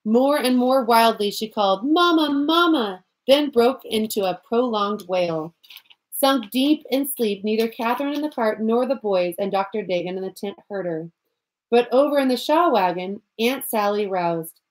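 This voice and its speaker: A woman narrating a storybook in a measured, expressive amateur reading. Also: a little high, poor audio. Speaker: audiobook reader.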